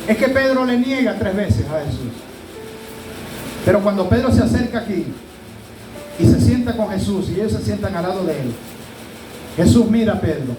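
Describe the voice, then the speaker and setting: High-voiced preacher in an echoey room. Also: male voice. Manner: preaching, addresses listeners as brother. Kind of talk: sermon. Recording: echoey room with loud background noise.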